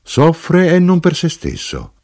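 A man's voice: fairly high pitch, wildly swooping pitch, takes it slowly, darkish tone, pitched above the performer's own voice, exaggerated voice. A man reading a story aloud, voicing an earnest, mournful grown man who speaks in a raised, emphatic way.

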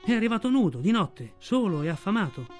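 A man's voice: sits high, very animated, a little fast, faint music behind, voice pushed up. A man voicing a fierce, protective mother she-wolf in an audiobook, speaking defiantly in a raised voice. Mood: tender. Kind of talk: audiobook reading.

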